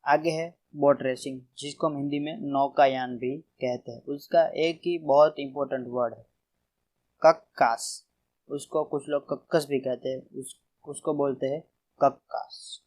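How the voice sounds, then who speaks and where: A man's voice: mid-range voice, fairly even intonation, normal speed, hardly any pauses, a little mellow, rough recording. Man, general knowledge lesson, reads word lists and stresses each word. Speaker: quiz teacher. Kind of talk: exam revision lesson.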